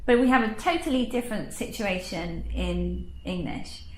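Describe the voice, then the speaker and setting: A woman teaching English speaking, explaining tone slowly and deliberately. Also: mid-range voice, echoey room, slight background noise. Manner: slow, deliberate teaching voice with exaggerated tone demos. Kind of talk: instructional explanation.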